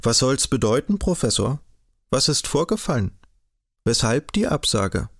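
A man voicing a brisk, mocking older society lady in an audiobook, bossy and insistent, with a French exclamation now and then. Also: medium pitch, very animated, fairly bright tone, no room sound, studio quality, pitched above the performer's own voice, full character voice. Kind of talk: audiobook character voice.

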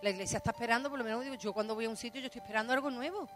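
A woman's voice: fairly high pitch, very fast, music in the background. A woman with a Spanish accent preaching a sermon, telling stories with frequent laughs and acting out quoted lines. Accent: Spain. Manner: storytelling, laughs often and acts out quoted lines.

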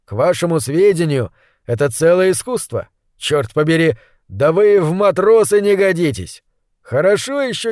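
A man's voice: a little high, dry recording, studio quality. A man reading the part of a bitter, insistent exile from the future in an audiobook. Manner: insistent, then quiet and bitter.

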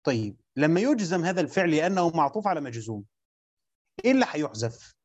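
A man's voice: fairly high pitch, very animated, fast, darkish tone, highs cut off. A man with an Egyptian accent teaching a lesson on Quran commentary, explaining step by step and quizzing his listeners with repeated questions. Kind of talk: classroom lecture on Quran exegesis.

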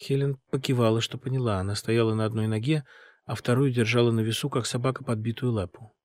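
A man narrating an audiobook with a lively, dramatic delivery. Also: mid-range voice, fast talker, dry recording, clean studio sound.

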